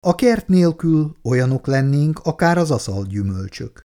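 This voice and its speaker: A man voicing a gentle, sensible older woman and grandmother in an audiobook. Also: on the high side, big pitch swings.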